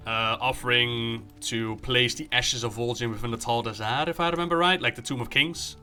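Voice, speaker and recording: Bright-voiced male game streamer. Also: mid-range voice, fairly even intonation, normal speed, faint music behind. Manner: joking, acts out dialogue. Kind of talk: live game commentary, recapping story and reading quest text aloud.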